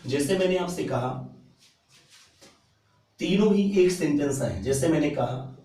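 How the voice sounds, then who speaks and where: A man teaches an exam-prep grammar lesson, repeating each key term and calling his viewers "guys". His voice sits a little high. The room is echoey, and he sounds set back from the mic. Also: animated, measured pace, dark tone, far from the mic. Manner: repeats key terms, often says "guys".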